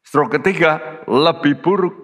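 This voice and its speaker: A man preaching a sermon as pastor, slow and emphatic, with sudden high-pitched stresses on key words. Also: fairly bright tone. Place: church. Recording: church hall reverb.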